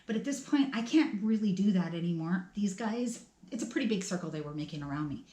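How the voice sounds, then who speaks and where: A woman's voice: mid-range voice, a little fast. Middle aged woman doing a storytime vlog, acts out her thoughts, laughs a lot, echoey room. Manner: animated, laughs between lines, acts out her own thoughts. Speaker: storytime vlogger. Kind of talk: casual storytelling. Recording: roomy echo.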